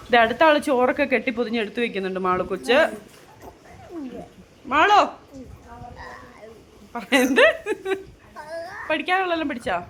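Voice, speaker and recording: A woman's voice: a little high, a bit bright, reverberant. Chatty woman vlogging at home. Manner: chatty, addresses viewers with frequent "kettō". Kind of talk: casual home vlog narration.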